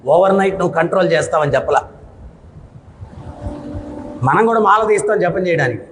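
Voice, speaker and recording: A man giving a devotional sermon to an audience, speaking loudly and often asking "hmm?" to check they follow. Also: sits high, lively intonation, brisk, slight background noise. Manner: loud, with frequent questioning "hmm?" to the audience. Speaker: spiritual discourse speaker. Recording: echoey hall reverb.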